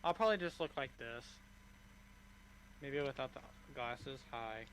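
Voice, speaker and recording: A man's voice: mid-range voice, a little slow, fairly bright tone, a little hiss or hum, poor audio. A man hosting a casual group chat on a call, joking and teasing his friends. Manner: joking, teasing, playfully counting aloud. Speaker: host.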